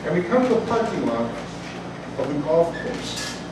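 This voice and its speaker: Very animated and fairly high-pitched, a sixty-something storyteller from Chicago's South Side holds forth live in a cafe, tossing in folksy humor at a moderate pace. A distant mic captures the echo, background noise, room ambience and surrounding chatter.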